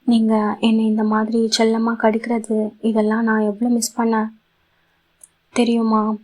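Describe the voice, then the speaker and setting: A woman voicing an emotional young wife in a romantic audio story, soft and pleading. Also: on the high side, completely flat delivery, unhurried, low-quality recording.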